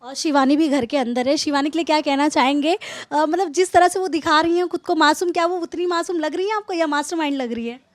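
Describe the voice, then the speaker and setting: High-voiced woman asking interview questions. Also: brisk, few pauses, no room sound. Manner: asks long questions with many fillers.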